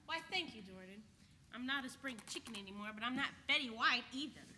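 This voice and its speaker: A woman's voice: a little high, animated, a little fast, sharp tone. A woman playing a wry elderly stage mother. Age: older. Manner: dry self-mocking quips. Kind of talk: amateur stage acting. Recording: echoey stage recording with faint hiss.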